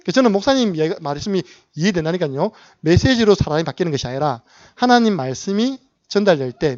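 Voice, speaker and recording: A man's voice: on the high side, no echo, highs cut off. A male pastor preaching a sermon, asking the congregation questions and acting out short dialogues.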